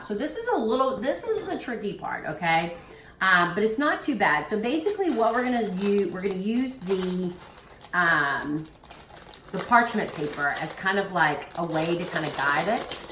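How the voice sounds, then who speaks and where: A woman's voice: on the low side, background noise. Chatty woman demonstrating a recipe, roomy sound. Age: adult. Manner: chatty and encouraging, talks to viewers while working with her hands. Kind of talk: casual cooking demonstration. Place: kitchen. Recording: roomy, mic at a distance.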